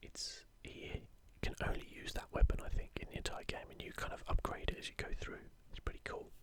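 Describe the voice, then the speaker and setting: This gaming ASMR creator whispers at a slightly fast clip, his unvoiced whisper soft and breathy. His talk is casual commentary, interspersed with passages read aloud.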